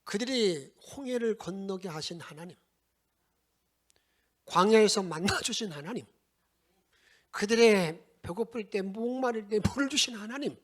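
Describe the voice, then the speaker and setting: A man preaching a Sunday sermon as pastor, animated, moving between loud exclamations and hushed asides. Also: high voice, measured pace, pauses often. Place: church sanctuary.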